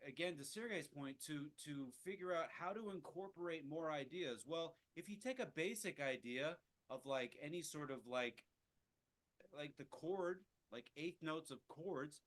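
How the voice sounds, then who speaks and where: A man's voice: fairly high pitch, measured pace, a bit bright. Rambling man teaching jazz. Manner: rambling, many restarts and "like"s. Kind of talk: casual group lesson.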